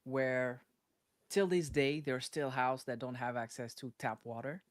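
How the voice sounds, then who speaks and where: A live online stream features a man, born in North Africa and raised in France, who hosts casual interviews and advises startups. His medium-pitched voice is fairly even and unhurried, recorded dry with clean studio sound, and he enthusiastically repeats phrases to stress them.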